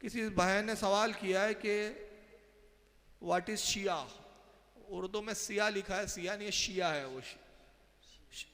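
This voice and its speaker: An Islamic scholar gives an emphatic religious lecture, his high, fairly bright voice rising to stressed points as he answers listeners' questions. He speaks a little slowly and pauses often, and a long reverb tail trails his words.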